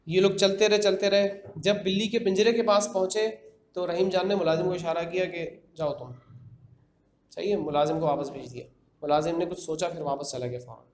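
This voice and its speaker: A man's voice: high voice, steady tone, darkish tone. A man casually retelling a horror story in his own words, conversational, with fillers and repeated phrases. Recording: echoey room with faint background noise.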